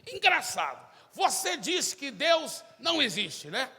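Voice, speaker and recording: Simple young believer, hesitant then emphatic, husky tone, as a preacher puts him on. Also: male voice, high voice, sing-song, normal speed, pushed and bright, big-room sound, exaggerated voice. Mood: bold.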